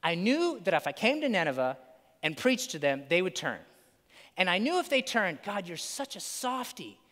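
A man's voice: high voice, sing-song, normal speed, fairly bright tone. A petulant male prophet, as a preacher plays him, grumbles in a whiny, slightly raised voice. The complaint carries a long reverb from a large hall. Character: sulky, self-pitying male prophet, grown man acting childish.

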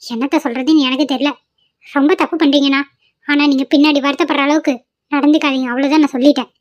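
A woman's voice: high voice, fairly even intonation, fast, dull audio, lightly acted. A woman voicing an indignant young wife in a cartoon, scolding her brother-in-law. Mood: reproachful. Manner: indignant, reproachful.

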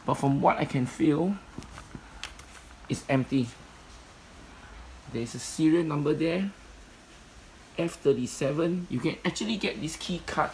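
A man's voice: on the high side, a little slow, pauses often, a little hiss or hum, low-quality recording. A man walks through an indoor storage unit, filming on a handheld phone and listing its contents plainly, with many fillers. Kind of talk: walkthrough commentary. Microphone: phone camera held in hand.

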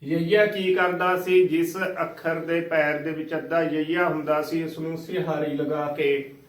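A man teaching the correct pronunciation of sacred scripture, spelling out each word slowly and methodically and repeating it. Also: on the high side. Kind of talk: religious pronunciation lesson. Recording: echoey room, voice from a distance.

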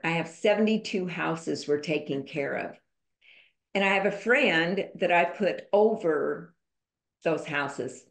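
A woman's voice: on the low side, gravelly. A woman guest on a podcast, telling a personal story in an emphatic, candid way. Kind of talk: conversational storytelling interview. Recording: roomy echo.

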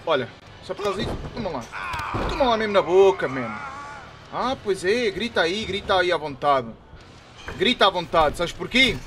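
A young man with a European Portuguese accent shouts and taunts as he plays, his voice high and swinging all over the place. His commentary sits over clearly audible game music. He keeps up a steady stream of excited gameplay chatter. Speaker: gaming YouTuber.

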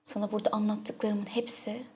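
A woman narrating a literary audiobook in a soft, intimate, emotive manner. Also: mid-range voice, little pitch movement, fairly quick, a little hiss or hum.

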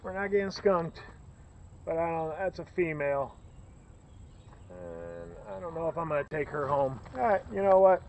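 A middle-aged man with a Northeast Ohio accent talks in an excited, joking way while filming by a lakeshore. His voice sits fairly high. The sound comes from a rain-bagged camera outdoors, with clear background noise. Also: normal speed, long pauses, lo-fi sound. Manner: excited, joking, loose and chatty. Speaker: fishing vlogger. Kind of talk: casual outdoor commentary. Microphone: camera on a stand, bagged against rain.

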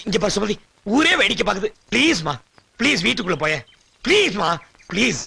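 An actor playing a flustered husband caught between two wives, pleading with a gravelly voice in a film drama. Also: male voice, extremely high pitch, expressive, fast talker, heavily acted. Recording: loud film music behind.

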